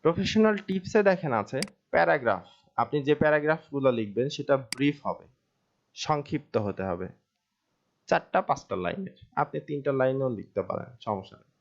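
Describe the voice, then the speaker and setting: A man's voice: fairly high pitch, big pitch swings, brisk, vocal fry, highs cut off. A man from Bangladesh teaching a recorded live online class, talking conversationally, mixing in English terms and asking himself questions before answering them. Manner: mixes English terms into colloquial Bengali. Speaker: online course instructor.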